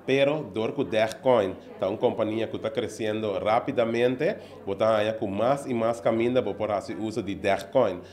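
Holding close to a handheld reporter mic, a middle-aged man being interviewed by the news earnestly explains his business step by step, using many fillers. The setting is an indoor office at an opening event. His voice is lowish and darkish, at normal speed with hardly any pauses.

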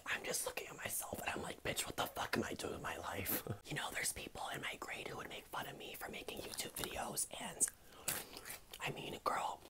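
A young man in his late teens, a YouTuber from Canada doing comedic ASMR whispering into an earphone headset mic. He is crude and sassy and swears constantly. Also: on the high side. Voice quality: whispery with a gravelly edge.

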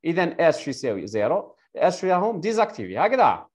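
Rapid Algerian teacher quizzing a student. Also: male voice, fairly high pitch, very animated. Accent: Algerian Arabic. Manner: quizzes the student with rapid-fire questions and confirms her answers. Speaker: electrical engineering teacher. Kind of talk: live online tutoring lesson. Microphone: video call.

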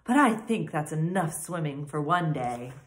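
A woman voicing a protective, motherly old female goose, pitching her voice up into a sing-song tone. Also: lively intonation, unhurried, a little hiss or hum. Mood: breathless relief. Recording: echoey room.

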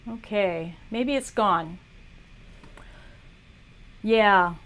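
A woman's voice: medium pitch, very slow, a bit bright. A woman teaching art on a livestream, chatting casually as she talks viewers through a drawing demo. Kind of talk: live demo tutorial.

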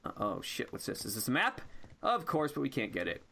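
A man's voice: medium pitch, huge pitch swings, a little fast, creaky, sharp tone, slight background noise. A man hosting a let's play, giving casual gameplay commentary, often laughing and reading game text aloud.

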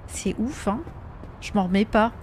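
A woman's voice: mid-range voice, moderate pace, a little hiss or hum. A woman chatting during a live gameplay stream, reacting to viewers' messages and sometimes slipping into English with a French accent.

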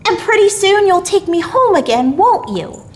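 Woman voicing Little Billy, a high-pitched innocent boy. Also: big pitch swings, normal speed. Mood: hopeful. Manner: childlike, earnest, polite. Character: sweet innocent little boy, trusting and giggly.

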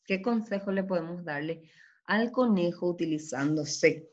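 A woman teacher giving a children's reading lesson, sounding out syllables carefully and often checking in with a quick question. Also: on the low side, dull audio. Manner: slow and deliberate, often checking with "¿sí?".

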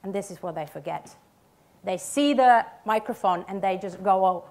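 A woman's voice: mid-range voice, normal speed, darkish tone. A woman in her thirties giving a conference talk, emphatic, with short punchy statements and check-in questions. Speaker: conference speaker, radio ad writer. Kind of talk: conference presentation. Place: theatre stage.

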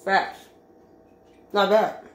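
A woman talks extremely slowly in a casual cooking vlog, using "like" constantly and speaking between bites. The echoey recording carries a little hiss or hum.

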